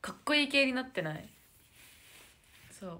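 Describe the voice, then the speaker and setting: Chatting to her phone livestream viewers, a young idol streamer with a lilt fumbles for words now and then and drops into whispered asides. Her voice is high, bright and pushed, animated, at a moderate pace.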